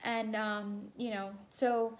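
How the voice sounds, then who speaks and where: A woman's voice: fairly high pitch, little pitch movement, slow. A young woman from El Salvador telling a personal story to camera in a casual, rambling way, full of ums and repeats. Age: young adult. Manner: chatty, rambling, many ums and repeated phrases. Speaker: vlogger.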